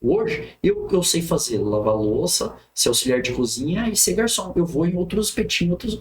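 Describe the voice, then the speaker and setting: A man's voice: fairly high pitch, sing-song, normal speed. A man as a podcast guest, telling a personal story vividly, with restarts and quoted speech. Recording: roomy echo.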